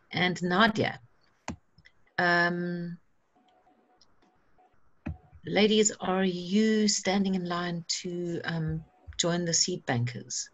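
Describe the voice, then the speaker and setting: A woman leading an online workshop, encouraging and practical in tone. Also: lowish voice. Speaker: workshop facilitator. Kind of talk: guiding an online seed-saving workshop.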